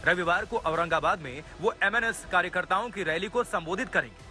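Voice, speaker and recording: Over a music bed, a man with a high-sitting, sharp-toned voice reads scripted TV news narration for a video package. As the reporter, he delivers it fairly quickly in an emphatic, dramatic manner.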